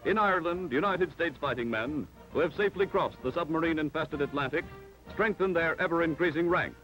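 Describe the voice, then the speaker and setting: A man's voice: fairly high pitch, fairly quick. Man narrating an old wartime newsreel. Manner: dramatic, emphatic announcer delivery. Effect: old newsreel soundtrack. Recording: dull lo-fi film soundtrack with loud music. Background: loud music.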